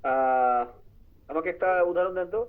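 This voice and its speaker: A man's voice: fairly high pitch, normal speed, clean tone. A man teaching an English writing class online, explaining grammar and quizzing his students while mixing in English terms. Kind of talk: live online class lecture. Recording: tinny phone-like line.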